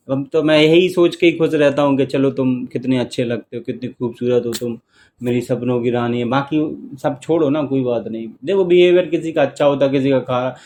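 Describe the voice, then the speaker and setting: A man plays the husband in a comic couple vlog, teasing in a mock-wistful tone at an ordinary mid pitch. He keeps pleading with his partner to lower her voice. A faint background noise sits under the recording. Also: a little mellow. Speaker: vlogger playing husband in comic sketch. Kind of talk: scripted comic couple banter.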